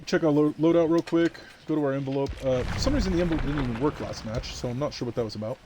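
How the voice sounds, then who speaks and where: A man's voice: a little high, racing, noisy background. A tired man streaming a game live, chatting and boasting playfully to his chat. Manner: boastful, playful trash talk. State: tired, yawning. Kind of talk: live gameplay commentary.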